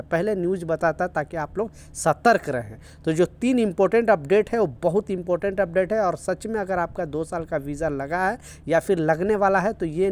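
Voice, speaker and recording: A man's voice: sits high, a little mellow. Guy doing casual visa news for workers, earnest, keeps repeating himself to warn people. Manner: earnest, repetitive, urging viewers. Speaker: news vlogger for workers in the UAE.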